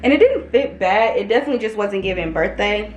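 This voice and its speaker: A woman's voice: medium pitch, animated, fast talker, dull audio, soft background music. Chatty woman in an echoey room. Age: 30s. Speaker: vlogger. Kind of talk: casual chat. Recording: roomy echo, light room noise.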